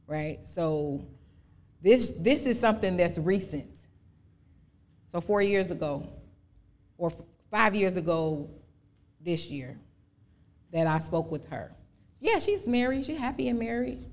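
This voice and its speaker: A woman in her forties answering audience questions as a podcast guest, speaking earnestly with halting restarts. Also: lowish voice, lively intonation, a little mellow. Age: 40s. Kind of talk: live podcast Q&A, personal testimony.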